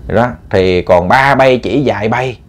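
A man's voice: on the low side, measured pace. A man voicing a stern, sick old mother who scolds her daughter bluntly and at length.

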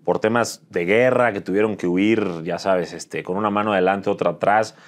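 Low-voiced thoughtful Mexican man. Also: fairly even intonation, normal speed. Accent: Mexican Spanish. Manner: thoughtful, searching for words with fillers. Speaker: interview guest, entrepreneur. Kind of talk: reflective interview talk. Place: dim studio set with dark curtains.

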